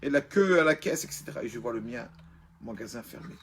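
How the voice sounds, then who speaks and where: A man voicing a remorseful male shopkeeper confessing to his rabbi, in a hushed, halting way. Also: medium pitch, animated, a little hiss or hum, voice pushed down.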